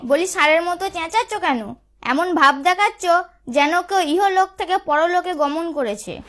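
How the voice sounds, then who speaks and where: A woman's voice: extremely high pitch, expressive, normal speed, fairly bright tone, faint music behind. A woman voicing a scolding village wife and mother in a cartoon. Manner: scolding, bossy.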